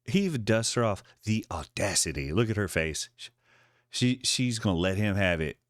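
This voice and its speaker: Low-voiced man narrating a short film. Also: sing-song, normal speed, no room sound, studio quality. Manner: narrates the woman's thoughts in playful quoted voices, laughing often. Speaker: composer breaking down his film score.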